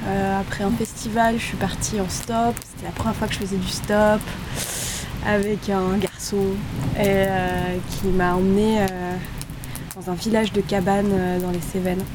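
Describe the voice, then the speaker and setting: A woman's voice: medium pitch, normal speed. Give me a hesitant woman interviewee, full of fillers and restarts, with heavy rain noise behind her. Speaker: interview guest. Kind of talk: casual interview chat. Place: inside a tipi by a fire in the rain. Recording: steady rain noise in background.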